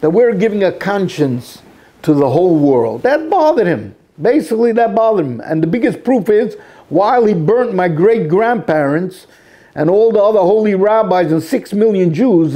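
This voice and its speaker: A man giving an impassioned sermon-like monologue in a synagogue, repeating himself with dramatic pauses. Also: fairly high pitch, mellow. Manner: emotional, repetitive, with dramatic pauses.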